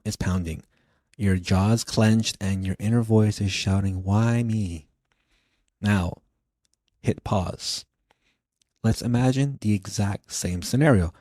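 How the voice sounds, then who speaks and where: A man's voice: on the low side, dark tone, no room sound. A man hosting a casual self-help podcast, joking playfully and often restarting his sentences. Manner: playful, jokey, with frequent restarts. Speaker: podcast host.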